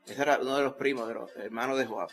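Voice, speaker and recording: A male pastor with a Puerto Rican accent preaching a Sunday sermon, rising to loud emphasis when quoting scripture. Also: medium pitch, fairly even intonation, fast talker. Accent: Puerto Rican Spanish.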